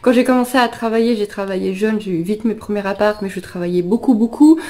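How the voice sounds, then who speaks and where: She's an animal vlogger in her thirties, mildly ill with sniffles, telling casual personal stories to the camera indoors in her living room and frequently cutting herself off. The voice is medium-pitched and mellow, and she talks fast.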